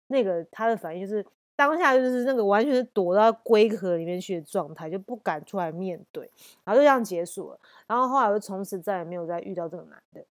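Blunt, animated woman in her thirties. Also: mid-range voice, dry recording, studio quality. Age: 30s. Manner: blunt and animated, acts out heated phone quarrels. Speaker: podcast host. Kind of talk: casual storytelling chat.

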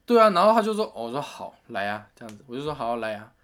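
A man's voice: medium pitch, racing. A man, telling a story in a casual chat and acting out what people said. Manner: animated retelling with quoted voices and laughs.

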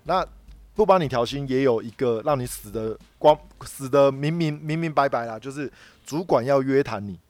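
A man with a Taiwanese Mandarin accent chats on a podcast at a mid-range pitch. He rambles and repeats his words as he talks, and the recording is dry and close. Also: moderate pace, dry recording. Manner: rambling, repeats words while telling a work story. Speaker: podcast co-host. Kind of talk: casual chat.

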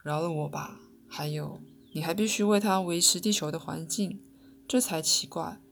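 A mild, teasing spirit teacher needles his pupil with gentle amusement in a storybook. A woman reader lends a low, gravelly tone. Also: normal speed, slight background noise.

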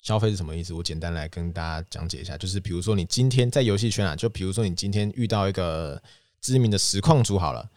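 A young man with a Taiwanese Mandarin accent telling his own story as a podcast host, with animated bursts when he acts out his younger self. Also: low-pitched, fast, no echo. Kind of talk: storytelling monologue.

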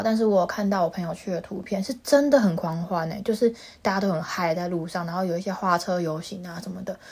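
Fast-talking young woman. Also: lowish voice, breathy edge. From Taiwan. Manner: animated storyteller, acts out quotes. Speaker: podcast co-host. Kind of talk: casual chat.

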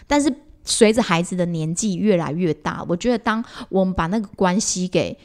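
Her pitch sits fairly low and she talks fairly quickly. As a mother co-hosting a casual podcast, she recounts family moments with animation, many fillers and repeated restarts.

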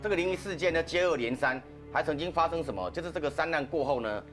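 A man's voice: fairly high pitch, fast talker, fairly bright tone. A man casually telling a ghost story on a podcast, chatty, with frequent "ha" particles. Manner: chatty, laughs between lines, frequent "ha" particles. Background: background music.

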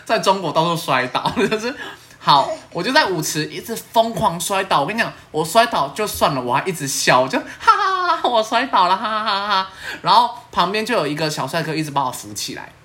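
Young taiwanese girl hosting a podcast, low voice, jumps all over, cracks herself up a lot. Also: brisk, hardly any pauses. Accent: Taiwanese Mandarin. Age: young adult. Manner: animated storyteller, laughs often, swears playfully. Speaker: podcast host. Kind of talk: casual chat.

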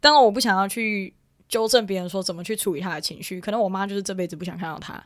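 A woman's voice: medium pitch, rapid-fire, no echo, studio quality. A young woman from Taiwan telling a personal family story in casual chat, rambling with many fillers and restarts. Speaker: guest.

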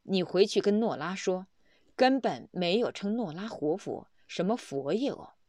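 A proud master scoffs at a summons, as a woman narrator puts him on. His lines rise and fall with lively pitch. The sound is close and dry. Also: normal speed, dry recording, natural voice. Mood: scornful. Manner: scornful, dismissive. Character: proud, scornful master, man.

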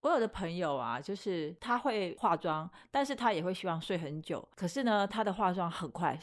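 A woman's voice: on the low side, lively intonation. A young woman, co-hosting a podcast in agreeable, chatty conversation. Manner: agreeable, chatty, quick to affirm. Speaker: podcast co-host. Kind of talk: casual chat.

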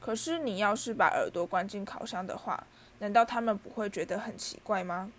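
A woman's voice: mid-range voice, brisk, close to an everyday voice. A woman voicing a polite, nervous boy wizard in a storybook reading, speaking hesitantly.

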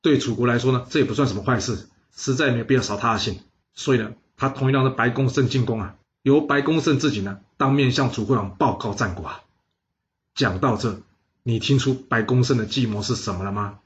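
A man telling a history story in a chatty, lively way, often asking his listeners questions. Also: mid-range voice, fairly quick, dull audio.

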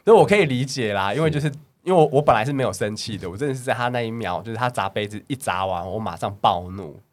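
A man's voice: fairly low pitch, expressive, quick pace. A man with a Taiwanese Mandarin accent telling a story in casual chat, acting out the dialogue and breaking into laughter. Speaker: bar staff and podcast host.

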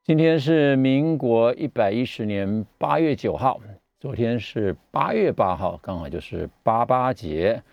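A middle-aged man with a Taiwanese Mandarin accent hosts a live radio health talk as a physician, explaining in a measured way with pauses and speaking through a face mask. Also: mid-range voice, expressive, gravelly, dry recording, highs cut off. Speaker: radio show host and family physician. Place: radio studio.

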